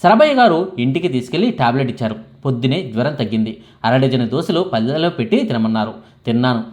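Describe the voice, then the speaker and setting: Male narrator, scripted first-person biography, animated, dramatic storytelling, mid pitch. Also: fast.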